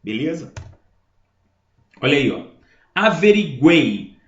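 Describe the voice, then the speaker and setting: Guy teaching grammar step by step, very lively pitch, echoey room. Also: moderate pace. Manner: explains step by step, pointing things out and checking in with the listener. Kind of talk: classroom grammar lesson. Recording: echoey room, dull lo-fi sound.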